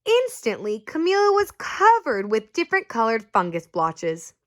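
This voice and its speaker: A woman reading a children's picture book aloud, pausing to ask her young listeners questions. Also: on the high side. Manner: slow and expressive, asks listeners questions. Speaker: storyteller.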